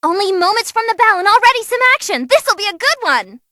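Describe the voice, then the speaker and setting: Koto, very high, gleeful fight announcer. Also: female voice, very animated, a little fast, sharp tone, no room sound, exaggerated voice. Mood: excited. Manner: gleeful, teasing, theatrical delivery. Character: bloodthirsty, bubbly young female fight tournament announcer. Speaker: fight commentator. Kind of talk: excited ringside game commentary.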